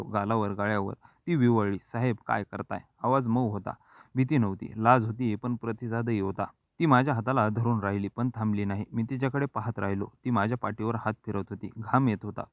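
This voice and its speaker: A man narrating a scripted first-person story in a slow, intimate, reflective way. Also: lowish voice, no room sound, highs cut off.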